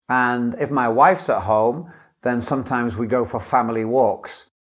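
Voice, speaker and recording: In a mid-range voice, a man who teaches English recites scripted model answers in the role of an exam candidate, taking care to sound clear.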